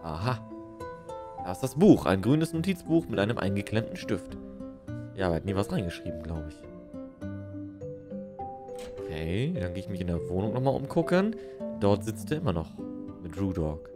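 A woman's voice: extremely low pitch, lively intonation, a little fast, loud music behind the voice. A woman livestreaming a video game, reading the text aloud and adding playful, muttered casual commentary.

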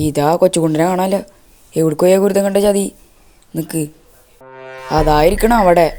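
Warm, smooth-voiced man joking through gameplay. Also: fairly high pitch. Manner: joking, playfully scolding the game baby. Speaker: gaming channel host. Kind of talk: casual gameplay commentary.

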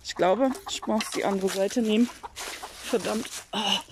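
A woman's voice: mid-range voice, a little slow, noisy background. A woman keeping chickens, calling them in with coaxing sing-song calls and muttering asides to herself outdoors by the run. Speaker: hobby chicken keeper. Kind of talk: casual running commentary.

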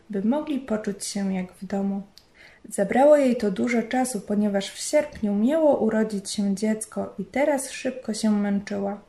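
Mellow woman narrating in a roomy space. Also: mid-range voice. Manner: measured, storytelling. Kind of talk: scripted narration. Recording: roomy echo.

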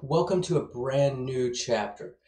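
A man's voice: mid-range voice, a little slow, dark tone, a little hiss or hum. A man in his thirties giving a casual, enthusiastic screencast tutorial as an instructor, his speech slightly slurred as if numb from the dentist. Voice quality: slightly slurred, numb-mouthed from dental work. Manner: enthusiastic, informal. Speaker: web development course instructor. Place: small indoor room with bare walls. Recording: roomy, echoey indoor sound.

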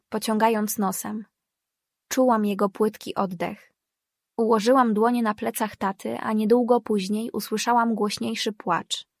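A woman reading a novel as a first-person audiobook narrator, measured and even. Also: medium pitch, no room sound, clean studio sound.

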